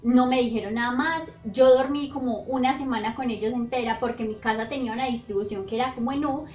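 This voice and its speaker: A young woman tells her own eerie experiences in a lively, breathless storytime. Her voice is fairly high. The sound is roomy and a little dull, with faint music underneath. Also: fast talker. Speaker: vlogger. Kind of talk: storytime narration. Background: faint background music.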